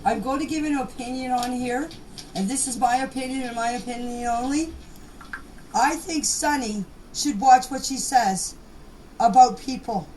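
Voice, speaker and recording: A woman whose voice sits high but has a dark tone speaks at a moderate pace in voice messages. The personal statement is unscripted, plainspoken and emphatic, with repeated phrases for stress, and the recording is noisy with her far from the mic.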